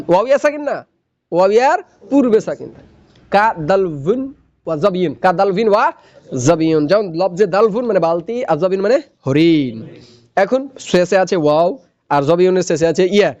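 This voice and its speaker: A man's voice: high voice, a little mellow, lo-fi sound. A man teaching Arabic grammar in a classroom lecture, asking questions and answering them himself.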